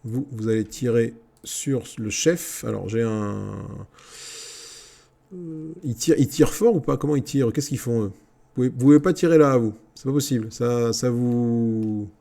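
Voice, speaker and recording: Gaming YouTuber, male, mellow and a bit gravelly, chatty, bossing his units around. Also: medium pitch, measured pace. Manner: talks to his troops, excitable outbursts. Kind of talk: casual Let's Play commentary.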